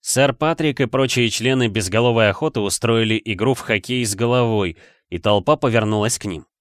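A man narrating an audiobook in an even storytelling manner on a close microphone. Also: on the low side, a little fast, no room sound. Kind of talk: scripted narration.

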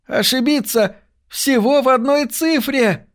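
Man doing a jittery little bookie, high and quick. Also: close to an everyday voice. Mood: excited. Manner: fast, eager chatter. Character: excitable short male bookie.

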